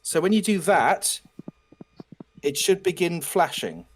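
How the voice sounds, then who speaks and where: Brief: man guiding a robot build on a call, slightly higher voice, halting, casual. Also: animated, a little hiss or hum. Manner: halting, restarts often while explaining. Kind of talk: casual step-by-step instructions over a video call.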